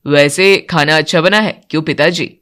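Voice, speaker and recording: Dutiful young husband in a lowered voice, put on by a woman narrator. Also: normal speed, a bit bright. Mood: mild. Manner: lowered voice for a man.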